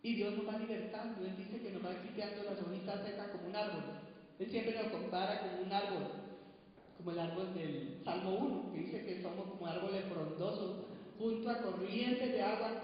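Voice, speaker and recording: A woman's voice: mid-range voice, normal speed, slight background noise. A middle-aged woman preaching with emotion, giving a personal testimony in a sermon. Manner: impassioned, pleading preaching. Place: large church hall. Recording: echoey church hall, dull lo-fi sound.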